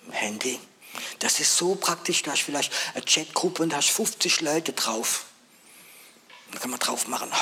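Preacher swinging from hush to urgent calls. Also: male voice, mid-range voice, a little hiss or hum. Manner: swings between hushed near-whispers and loud urgent calls; asks the audience questions. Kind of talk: sermon.

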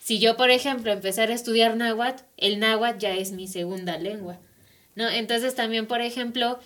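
A Mexican woman with a Mexican Spanish accent speaks as a guest on language in a radio studio, explaining language issues on an academic talk show and often adding tag questions. Her voice sits on the high side, a bit bright, with fairly even intonation at normal speed.

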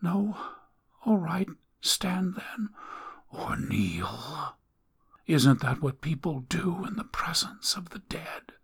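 A man voicing a dying old woman in a hoarse, mocking, breathy whisper. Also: on the high side, expressive, slow pace, a bit bright, pitched above the performer's own voice, exaggerated voice.

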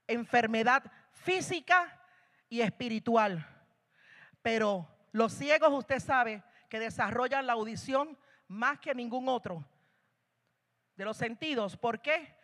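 A woman's voice: fairly high pitch, a bit bright, in a large hall. A woman lay preacher giving an emphatic sermon in a church, punctuated with hallelujahs.

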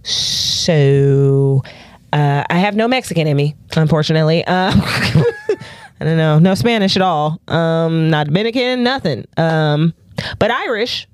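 A woman's voice: deep voice, unhurried, clear, resonant tone, no echo. A woman co-hosting a podcast in casual chat. She swears freely, giggles often and trails off into fillers. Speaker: podcast co-host.

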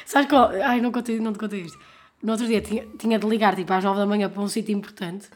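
Fast-talking Portuguese woman with a cold. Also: medium pitch, a little hiss or hum. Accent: European Portuguese. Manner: animated storyteller. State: sick with a cold, rough voice. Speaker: podcast co-host. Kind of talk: casual chat.

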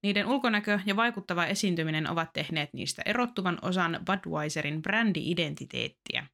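A woman with a Finnish accent co-hosting a casual podcast, quick to laugh and agree. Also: lowish voice, animated, vocal fry, a bit bright. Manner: laughs often, affirming interjections. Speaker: podcast co-host. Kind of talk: casual podcast chat and read-aloud recap.

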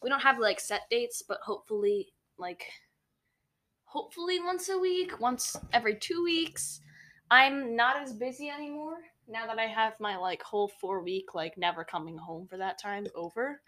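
A woman's voice: on the high side, normal speed, bright, forceful tone. A young woman co-hosting a casual podcast chat, rambling and full of fillers like "like". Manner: chatty, rambling, filler-heavy. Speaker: podcast co-host.

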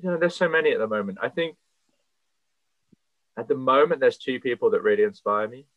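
A man's voice: mid-range voice, brisk, no room sound. A man speaking as a podcast guest, earnest and passionate, thinking aloud with fillers as he goes. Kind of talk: earnest conversational interview. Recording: tinny phone-like line, dry.

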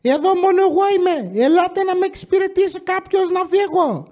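A man's voice: very high-pitched, dark tone, pitched above the performer's own voice. A man voicing a pushy elderly grandmother who shrilly insists on being served first. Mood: demanding. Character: pushy old grandmother demanding service.

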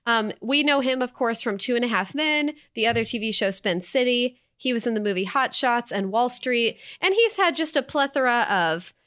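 A woman co-hosting a film review podcast, chatting in an animated way with frequent fillers. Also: a little high, normal speed, hardly any pauses. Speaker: podcast co-host. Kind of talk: casual film review chat.

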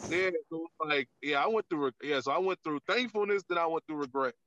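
A man's voice: on the high side, fast talker, fairly bright tone, no echo. A man, a comedian guest on a podcast, talking candidly in casual chat with lots of filler words. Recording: dull, lo-fi, dry sound.

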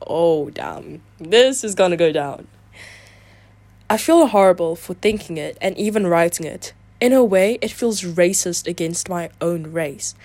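A woman reading online confessions aloud and breaking off into chatty, reactive asides full of "like". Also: on the low side. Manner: chatty, filler-heavy talk with frequent "like"; animated, reactive asides between read passages. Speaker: video creator.

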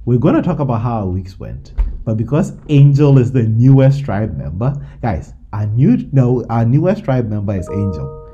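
A man's voice: mid-range voice, sing-song, moderate pace, mellow, muffled recording. A man hosting a casual group podcast, upbeat and teasing, often laughing as he talks. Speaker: podcast host.

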